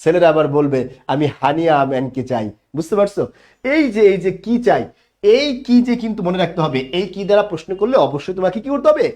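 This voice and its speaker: Lively, high-pitched man teaching grammar. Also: quick pace. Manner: lively, asks the class to answer back. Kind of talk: live online Bangla grammar lesson.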